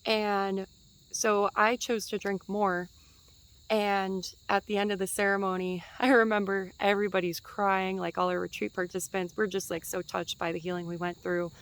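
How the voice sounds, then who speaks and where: A woman's voice: medium pitch, little pitch movement, moderate pace, fairly bright tone, poor audio. A woman in her twenties giving a casual spiritual teaching outdoors in a forest, chatty and meandering, with fillers and light laughs.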